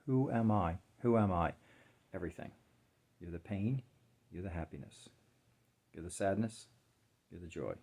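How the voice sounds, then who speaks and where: Low-voiced male spiritual teacher, calm and reflective, drops to hushed asides. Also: gravelly, slightly rough. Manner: slow, reflective, drops to near-whisper at times. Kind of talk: meditative dharma talk.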